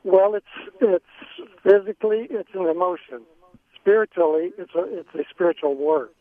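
High-voiced man calling in on a tinny phone line. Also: no echo. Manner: hesitant, halting, with many ums and restarts. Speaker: caller. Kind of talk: phone-in question.

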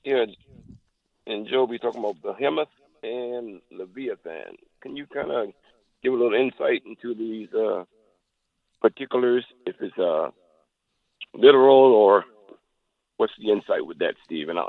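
A man's voice: lowish voice, animated, moderate pace, vocal fry, pauses often, no room sound. A man calling in over the phone, asking a hesitant question and apologizing as he searches for words. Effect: heard over a phone line. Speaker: caller to a radio show. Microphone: phone handset. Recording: tinny phone line, dry.

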